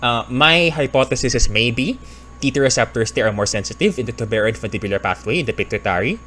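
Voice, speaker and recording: A man talks through the material in a loose, explanatory way, pausing with fillers and hedging as he goes. His pitch sits right in the middle for a man, and a faint hiss of background noise hangs under the voice. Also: expressive, bright, forceful tone. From Philippines. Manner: thinks aloud, hedges and corrects himself. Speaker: pharmacist reacting to a video. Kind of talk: casual explanatory commentary.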